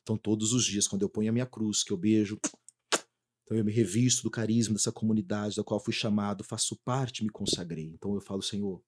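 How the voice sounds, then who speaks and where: A Brazilian man in his thirties, a lively storyteller chatting as a guest about his religious community life. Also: lowish voice, fast talker. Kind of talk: casual storytelling interview.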